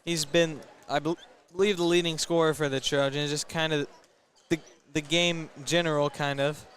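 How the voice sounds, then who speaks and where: A young man doing commentary for a high school basketball broadcast, announcing in a casual, hesitant way with frequent self-corrections. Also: steady tone, normal speed, fairly bright tone. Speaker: student play-by-play announcer. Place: school gymnasium.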